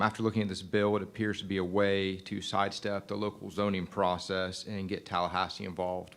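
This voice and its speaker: Man, deep and quick, gravelly, earnest public comment. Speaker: industry association president speaking at public comment. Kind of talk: public testimony at a meeting.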